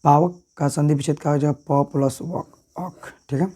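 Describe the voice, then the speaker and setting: A man's voice: fairly high pitch, steady tone, normal speed, warm tone. A man, talking through exam answers as a teacher in a casual way and often checking in with "thik hai" and "right".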